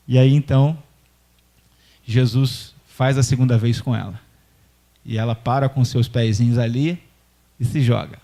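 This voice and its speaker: A man's voice: medium pitch, warm tone. A man with a Brazilian accent, a pastor preaching a sermon in church and telling a story with animation. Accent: Brazilian Portuguese.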